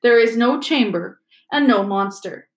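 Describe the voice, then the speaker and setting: A woman's voice: a little high, a little slow. Lady reading as a dry reedy old ghost teacher, impatient lecturing, echoey. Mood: irritated.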